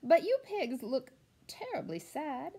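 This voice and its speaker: A woman voicing a prim, bossy hen in a storybook reading, in a high, fussy voice. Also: big pitch swings, slow, warm tone, heavily acted.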